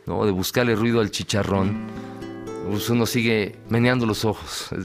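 A man's voice: on the low side, fairly even intonation, normal speed, over music. A Mexican man, a musician guest on a radio show, chatting casually in a joking, wry and irreverent way.

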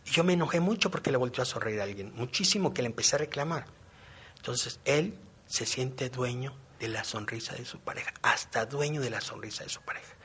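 A middle-aged man gives a personal testimony in a husky, slightly breathy voice. His pitch sits in an ordinary middle range. He talks in a reflective way and explains his ideas through everyday examples. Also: brisk, fairly bright tone. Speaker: participant in a men's non-violence program.

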